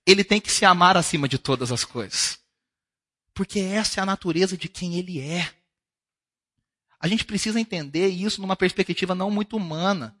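A man's voice: high voice, a little fast, sharp tone. A male pastor preaching a sermon at a church service, talking to the congregation in a conversational way and asking them questions.

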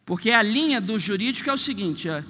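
A male pastor preaches with a very high, bright, forceful voice, telling humorous stories with animation. He speaks in a church, and a long reverb trails each phrase. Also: animated, fast talker, breathy edge. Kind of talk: sermon with storytelling.

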